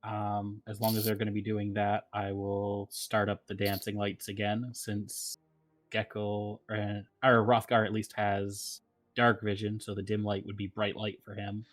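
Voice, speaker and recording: A man's voice: lowish voice, completely flat delivery, a little slow. A man playing a tabletop game over a voice call, rambling and trailing off with laughs. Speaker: player. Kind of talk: casual play over a voice call.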